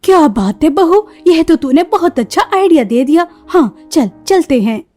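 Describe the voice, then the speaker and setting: A woman's voice: high-pitched, very animated, normal speed, dark tone, soft background music. A woman voicing a bossy, short-tempered older mother-in-law in a cartoon story, who talks in scolding, commanding tones. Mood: sweet.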